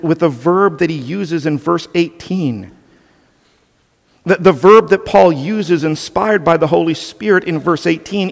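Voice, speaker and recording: A man's voice: high voice, gravelly, big-room sound. A male pastor delivering an earnest, emphatic sermon, often restarting his phrases.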